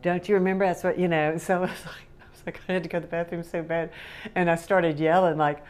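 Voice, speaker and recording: An interviewee in her sixties sits at her kitchen table at home, chatting casually about childhood memories in a rambling way and laughing often. A faint Southern accent colors her fairly low, level, darkish voice, and she talks fast.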